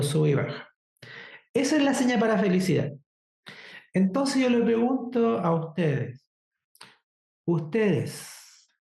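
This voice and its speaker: An instructor teaches a sign language workshop with a mellow, relaxed voice. The explanations come slowly and deliberately, often pausing to check that the class follows. The sound carries the echo of a reverberant room. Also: medium pitch, gravelly. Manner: deliberate explanations with frequent "¿cierto?" check-ins. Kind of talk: workshop lesson. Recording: echoey room.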